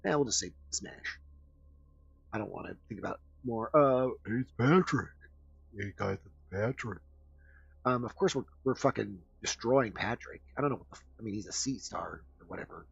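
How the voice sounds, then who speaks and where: A man's voice: lowish voice, expressive, brisk, vocal fry, fairly bright tone, slightly rough, no echo. A man hosting a podcast, riffing through crude, rambling comedic commentary full of fillers. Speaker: podcast host. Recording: dull lo-fi dry recording.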